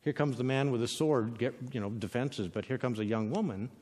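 A man preaching a sermon on scripture in a conversational way, often asking "right?" and dropping to a quiet voice for emphasis. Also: mid-range voice, fairly quick. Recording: long hall reverb.

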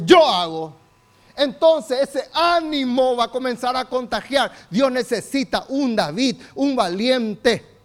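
A male pastor preaching a sermon, emphatic, leading the congregation in call-and-response and acting out quotes. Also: very high-pitched. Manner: acts out quotes of biblical figures in shifting voices.

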